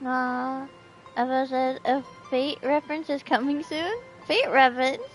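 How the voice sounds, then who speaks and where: High-voiced woman streamer. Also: unhurried, faint music behind. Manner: chatty, reacts and reads chat aloud. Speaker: game streamer. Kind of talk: casual let's-play commentary.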